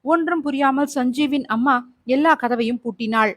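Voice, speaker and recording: A young adult woman narrating an audiobook thriller in a steady storytelling manner. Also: high voice, moderate pace, dry recording. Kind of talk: scripted narration.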